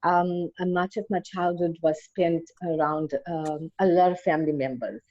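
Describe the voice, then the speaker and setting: A South African entrepreneur from Durban answers interview questions conversationally, earnest and enthusiastic. Her voice sits on the low side, steady and darkish, at a moderate pace. The recording sounds dull and lo-fi.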